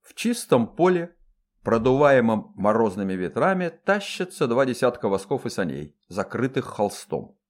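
Expressive male audiobook narrator. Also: medium pitch, normal speed. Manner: lively, expressive reading.

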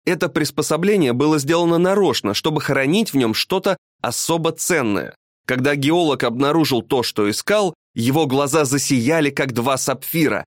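A man narrating a storybook with an expressive, dramatic reading. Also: on the high side, moderate pace, no echo, clean studio sound.

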